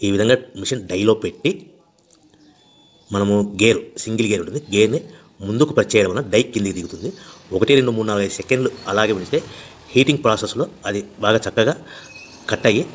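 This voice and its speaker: A man with a Rayalaseema Telugu accent walks through a machine demo, talking fast and slightly low, with faint workshop noise behind him. He repeats set phrases again and again like a practised seller. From Andhra Pradesh, India. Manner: repetitive, formulaic announcing. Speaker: machine seller demonstrating equipment. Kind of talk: product demonstration.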